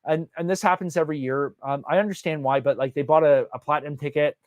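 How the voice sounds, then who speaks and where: A man's voice: on the high side, steady tone, quick pace, dry recording, highs cut off. A man hosting a casual live question-and-answer session as a conference organizer, talking loosely with many fillers and restarts.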